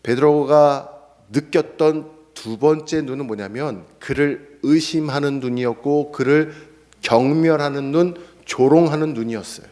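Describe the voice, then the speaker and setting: Animated male preacher, fairly high voice, echoey sanctuary. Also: a little slow. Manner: animated, acts out scripture quotes. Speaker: pastor. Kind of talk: sermon. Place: church sanctuary. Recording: echoey church hall.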